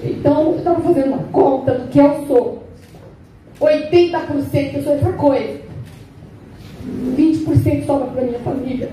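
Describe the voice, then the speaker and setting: A woman's voice: high voice, moderate pace, long pauses, dark tone. A woman in her sixties giving a candid, emotional personal testimony at a union meeting. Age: 60s. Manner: emotional, candid, tearful at times. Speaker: union founder speaking at a meeting. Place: meeting hall. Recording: echoey hall, voice from far off, noisy.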